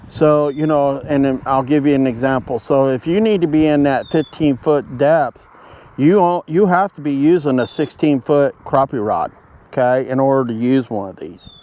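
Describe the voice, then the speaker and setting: A man giving a casual, halting, folksy fishing tutorial to camera, explaining things step by step. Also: mid-range voice, a little mellow. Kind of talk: casual instructional talk to camera. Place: outdoors at home beside a pond. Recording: outdoor ambient road noise. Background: road noise.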